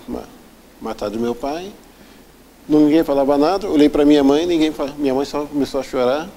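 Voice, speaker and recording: A man with a dark, mellow voice is interviewed and recounts a hard personal story. He tells it earnestly and vividly, often acting out the people he describes. Faint background noise runs under his voice. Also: fairly high pitch, rough recording. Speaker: interview guest.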